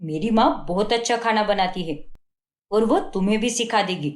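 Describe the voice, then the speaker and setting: A woman's voice: mid-range voice, normal speed, lightly acted. Cartoon husband, young and scornful, always finding fault, played by a woman; echoey room. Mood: scolding. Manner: scolding, belittling. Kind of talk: cartoon story voice acting.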